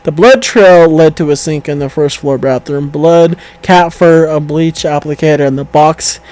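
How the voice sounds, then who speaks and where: A man with a fairly high voice reads a story aloud in a casual, unpolished way. He trips over words and backs up to fix them, speaking into a home mic over an online call. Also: steady tone, a little slow, a little mellow, rough recording. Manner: reads aloud with stumbles, self-corrections and laughter. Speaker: co-host reading stories aloud. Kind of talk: casual reading of online stories.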